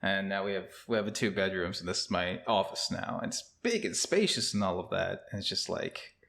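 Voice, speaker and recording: Chatting casually as a podcast co-host, this young man speaks a little fast with lively intonation in a low, creaky, somewhat bright voice. He rambles, full of fillers and restarts, and the bare, still-empty new home office gives his voice a cave-like echo.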